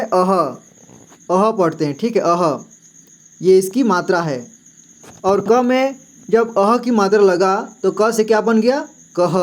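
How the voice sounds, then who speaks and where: A man teaching in a slow, unhurried way, his voice sitting high for a man. He explains patiently and repeats syllables over and over, pausing to check that the listener follows. Insects chirp faintly behind him. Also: darkish tone. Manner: patient, repeats syllables and says "ठीक है" often. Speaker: Hindi teacher.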